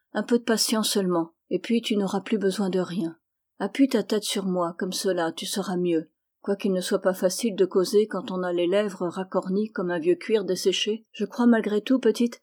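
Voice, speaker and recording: A woman voicing an exhausted, tender man stranded in the desert, speaking gently and wearily in an audiobook. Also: mid-range voice, lightly acted. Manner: gentle, weary, subdued. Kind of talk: audiobook reading.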